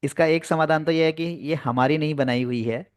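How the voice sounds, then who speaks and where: A man's voice: fairly high pitch, moderate pace, smooth, no echo, studio quality. A man teaching spoken English in an online class, explaining in Hindi mixed with English terms, patient and repetitive. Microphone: video call.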